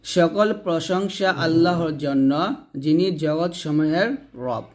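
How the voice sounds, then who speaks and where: A man teaching recitation, spelling out words letter by letter and drawing the syllables out, then explaining rules more briskly. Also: on the high side, darkish tone. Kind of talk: slow spelled-out recitation lesson.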